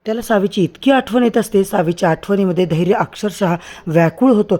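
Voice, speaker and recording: A man's voice: sits high, brisk, darkish tone. A man narrating a TV serial recap, addressing listeners as friends. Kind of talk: storytelling recap.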